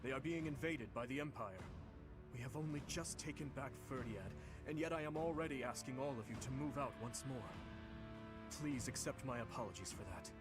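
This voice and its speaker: A man voicing an earnest young prince in a video game, speaking in a formal, measured way over game music. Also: mid-range voice, close to an everyday voice. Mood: grave. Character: earnest young male prince, solemn and dutiful.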